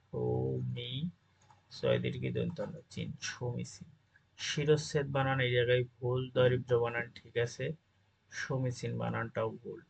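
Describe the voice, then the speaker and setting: A man's voice: mid-range voice, level tone, moderate pace, gravelly, poor audio. A man teaching an exam-prep grammar lesson, reading out word lists and often checking in with his listeners. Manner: reads word lists, checks in with "ঠিক আছে?".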